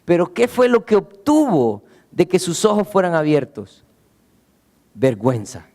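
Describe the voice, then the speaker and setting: A man preaching a sermon as pastor, earnestly asking rhetorical questions and slowing down, going low for emphasis. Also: big pitch swings, darkish tone, big-room sound. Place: church.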